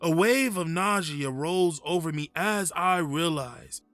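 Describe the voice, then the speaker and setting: A man voicing a frightened, confused, haunted man telling a first-person horror story in a slow, hushed, uneasy way, with halting pauses. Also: a little high, animated, no room sound, soft background music. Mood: creeping dread.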